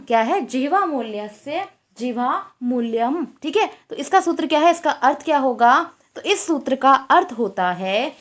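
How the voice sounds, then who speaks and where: A woman's voice: sits high, a bit bright. A woman teaching a Sanskrit exam-prep lecture, asking questions and repeating the answers.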